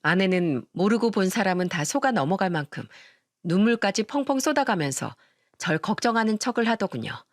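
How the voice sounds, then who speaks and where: A woman telling a dramatic first-person story in a scripted, expressive narration. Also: mid-range voice, a little fast, dry recording, studio quality.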